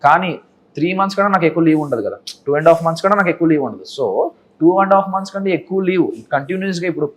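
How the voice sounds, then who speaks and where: Rapid-talking earnest soldier guest. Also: male voice, a little high. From India. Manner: earnest, mixes English phrases into his speech. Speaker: interview guest, serving soldier. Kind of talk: casual interview talk.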